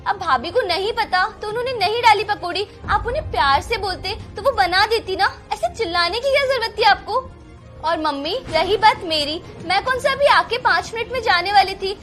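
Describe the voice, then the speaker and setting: A young woman plays a grown daughter calmly talking her mother round in a home drama, pleading and patient. Her voice is very high, with faint music behind it. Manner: pleading, reasoning, gently scolding. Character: married daughter defending her sister-in-law. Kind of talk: family drama acting.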